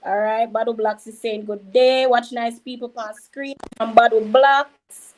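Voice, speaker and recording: A woman with a Jamaican accent hosting a livestream, reading out viewer comments and giving shout-outs. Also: a little high, steady tone, unhurried, poor audio. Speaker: livestream host reading chat. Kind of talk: casual livestream chat.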